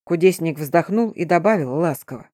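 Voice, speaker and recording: A woman narrating an audiobook in an even storytelling manner. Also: low-pitched, normal speed, dry recording, clean studio sound.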